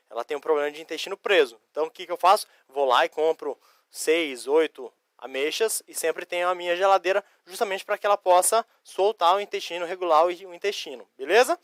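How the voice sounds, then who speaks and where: A man from Curitiba in Brazil teaching Spanish vocabulary in a recorded lesson, explaining each word slowly, spelling out letters and answering imagined student questions. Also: high-pitched, fairly bright tone, no echo, studio quality. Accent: Curitiba Brazilian Portuguese. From Curitiba, Paraná, Brazil.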